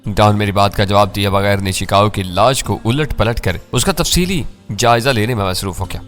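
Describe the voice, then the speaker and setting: A man reading a first-person thriller story in a measured, dramatic way. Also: on the low side, a bit bright, soft background music.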